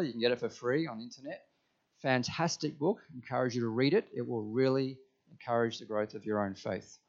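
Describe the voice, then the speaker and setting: The pastor here has a fairly high-pitched voice, preaching with emphasis and regularly turning questions on the people in the pews. His audio is muffled and dull.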